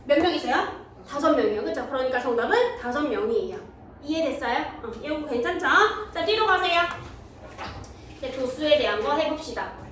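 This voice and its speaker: A woman's voice: high voice, expressive. A woman teaching middle school math in a classroom, often stopping to check whether students follow. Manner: checks understanding with quick questions to students. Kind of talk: classroom lecture. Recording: very echoey room, mic far off, faint noise.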